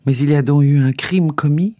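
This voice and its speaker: A man voicing a young frightened queen pleading with her dying brother, his voice pushed high and exclaiming. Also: fairly quick, dark tone, no room sound, studio quality, natural voice. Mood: pleading, aghast.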